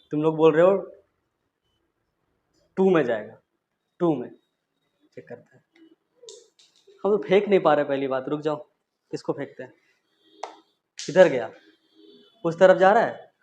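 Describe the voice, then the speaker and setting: A man's voice: fairly high pitch, a little hiss or hum. A man teaching physics in a classroom, chatting casually as he quizzes students and demonstrates with objects. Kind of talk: classroom lecture.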